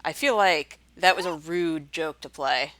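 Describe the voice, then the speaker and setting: A man's voice: fairly high pitch, slow, pushed and bright, no echo. A man giving casual live game commentary as a streamer, with dry, offhand asides. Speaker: game streamer reacting to cutscenes.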